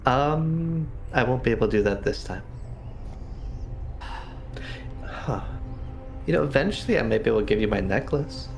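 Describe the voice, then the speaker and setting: A man playing a tabletop roleplaying game chats casually and a bit hesitantly, thinking out loud as he plans his moves. His mid-range voice is expressive but a little slow, with vocal fry and long pauses, over soft background music.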